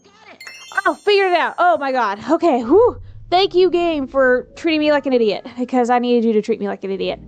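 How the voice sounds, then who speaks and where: A young woman talks through a narrative game with a chatty, self-mocking manner. Her voice sits high. Quiet music runs underneath. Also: animated, brisk. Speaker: gaming YouTuber. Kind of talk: game commentary.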